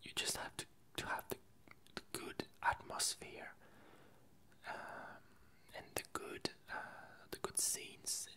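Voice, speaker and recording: An ASMR creator rambles casually about games and films in a soft, breathy, unvoiced whisper. The delivery is halting and unhurried as they search for words.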